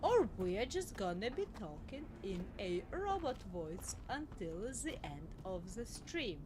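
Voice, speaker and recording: A woman streamer doing a stiff robot voice while commenting on a game, with flat, formal machine-like phrasing. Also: mid-range voice, unhurried, background noise, pitched below the performer's own voice. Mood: stiff robotic.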